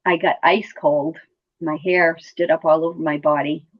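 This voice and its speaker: A woman's voice: sits low, steady tone, moderate pace. A middle-aged woman, a nurse being interviewed, talking conversationally and telling personal stories, repeating words for emphasis. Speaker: hospice nurse interview guest. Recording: muffled phone-like line.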